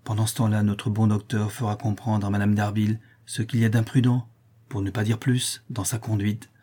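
A man's voice: fairly low pitch, level tone, normal speed, dark tone, breathy edge. A man reading the lines of a scheming, cunning stepmother in an audiobook, with a falsely soothing manner.

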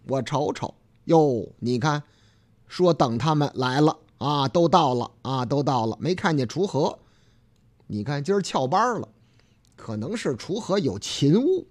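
A man with a Beijing accent hosting a casual radio talk show, chatty and folksy with drawn-out filler particles. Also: fairly high pitch. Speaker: radio host.

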